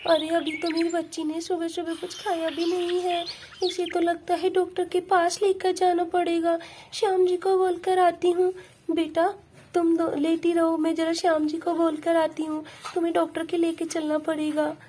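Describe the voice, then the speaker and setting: A woman's voice: extremely high pitch, little pitch movement, normal speed, mellow. A woman voicing a mother doll in a doll play story, talking in a busy, motherly and urgent way.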